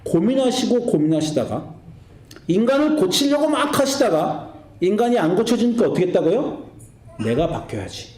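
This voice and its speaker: A man in his forties preaching a sermon as pastor, animated and acting out family quarrels in quoted voices. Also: high voice, echoey room.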